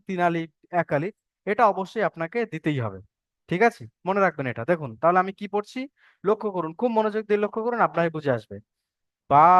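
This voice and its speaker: A man's voice: sits high, fairly bright tone, no room sound, clean studio sound. A man teaching an online Quran reading class over a video call, patiently repeating points and drilling letter sounds.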